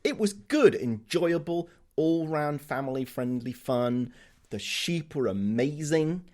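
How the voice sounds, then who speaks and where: A man's voice: fairly high pitch, expressive, takes it slowly, darkish tone. A man co-hosting a podcast in casual chat, rambling, chuckling and tripping over his words. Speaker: podcast co-host.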